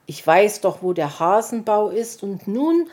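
A woman voicing a grown male fox in a storybook who talks firmly and calmly. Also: mid-range voice. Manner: calm, firm, slow. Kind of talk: storybook reading.

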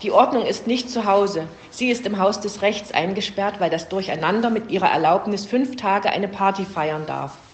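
A woman reading calm helpful Attention. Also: medium pitch, normal speed, few pauses, natural voice. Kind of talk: storybook reading. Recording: roomy echo.

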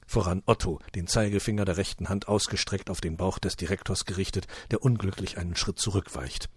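A man reading a humorous short story aloud in a calm, even storytelling manner. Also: deep voice, a little fast, breathy edge, no room sound. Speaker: narrator.

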